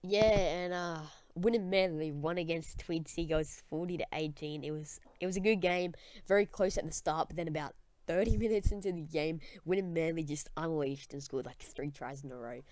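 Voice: medium pitch, normal speed, darkish tone, no echo. A young student with an Australian accent hosting a casual sports chat podcast in matey, slangy talk. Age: teenager or young student. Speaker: podcast host.

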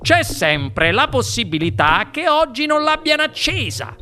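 A woman voicing an eccentric chocolate maker who speaks calmly and matter-of-factly. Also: sits high, a little slow, faint music behind, pitched above the performer's own voice, exaggerated voice. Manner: unruffled, matter-of-fact. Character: calm, whimsical eccentric chocolate maker, man.

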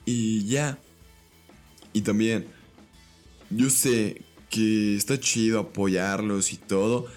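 A man's voice: lowish voice, a little mellow. A young man with a Mexican accent talking casually on his own podcast, chatty and playful, acting out little voices. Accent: Mexican Spanish. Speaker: podcast host. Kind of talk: casual solo podcast monologue.

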